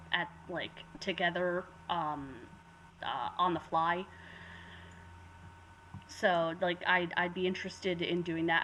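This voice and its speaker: A woman's voice: lowish voice, fairly bright tone, a little hiss or hum, low-quality recording. A woman guest on a podcast, chatting casually, giggling often and trailing off into fillers as she tells a story. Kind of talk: casual chat.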